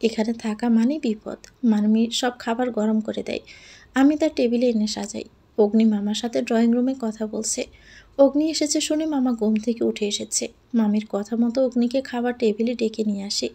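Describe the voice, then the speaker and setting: A woman narrating a romantic audio story in the first person with a steady, expressive reading. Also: fairly high pitch, normal speed.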